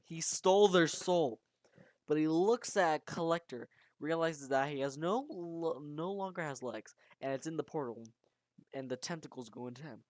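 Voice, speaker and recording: A storyteller casually retelling a fan-made horror tale, dramatic and animated, often restarting mid-sentence. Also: mid-range voice, dry recording.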